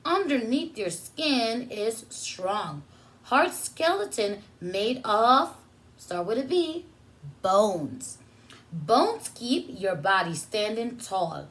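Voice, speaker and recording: Her voice is fairly high and a bit bright, with big swings in pitch. This preschool teacher hosts a read-aloud for young children, stopping to explain things and to pose easy questions before pausing for replies.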